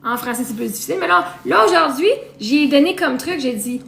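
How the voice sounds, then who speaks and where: A woman's voice: high-pitched, lively intonation, brisk, creaky, a bit bright. A woman with a Québécois accent, chatting casually on a live stream and rambling on, listing things and repeating herself. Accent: Québécois French. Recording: roomy echo, faint noise.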